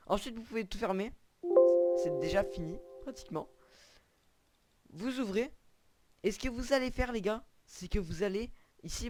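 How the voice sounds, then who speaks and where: In this screen-recorded gaming tutorial, a young man talks viewers through a computer setup, sounding casual and hesitant and leaning on lots of fillers. His voice sits high with a darkish tone, and there's no room sound.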